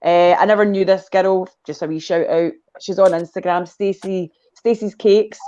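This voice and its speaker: A Scottish woman guests on a video call for a casual chat, telling a long story that keeps wandering into tangents. Her voice is medium-pitched and warm, with fairly even intonation at normal speed, and the audio sounds dull.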